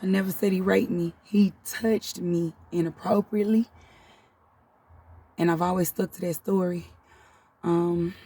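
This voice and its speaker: A woman's voice: on the low side, dark tone, breathy edge, distant mic. A woman in her thirties telling her life story in a casual, heartfelt vlog, holding back tears and often calling her viewers "y'all". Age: 30s. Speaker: spiritual channel host. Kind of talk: personal confessional vlog.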